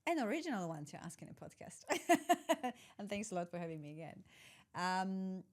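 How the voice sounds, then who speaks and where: An executive coach in her forties, from Poland and a native Polish speaker, reflects aloud as a guest in a conversational podcast interview. She has a medium-pitched, sing-song voice at normal speed, and she searches for words, self-corrects and gives soft laughs.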